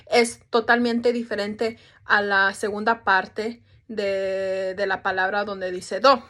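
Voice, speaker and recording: A woman's voice: on the high side, fairly bright tone. Young woman giving a class talk. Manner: informal explanation with restarts and English fillers. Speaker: student presenter. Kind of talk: class presentation.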